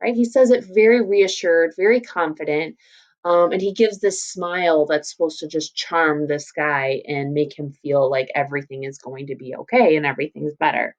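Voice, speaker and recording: A woman teacher reads a story aloud and explains it informally, in a casual read-aloud lesson. Her voice sits low and moves at a normal speed, and the recording has its highs cut off.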